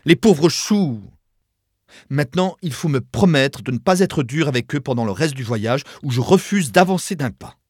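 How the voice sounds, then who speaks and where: A man's voice: expressive, moderate pace, husky, no room sound, studio quality. A man reading an audiobook, putting on a delicate, fussy young woman who exclaims and pleads in a raised voice. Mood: pleading. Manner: high, exclaiming, imploring. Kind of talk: audiobook character voice.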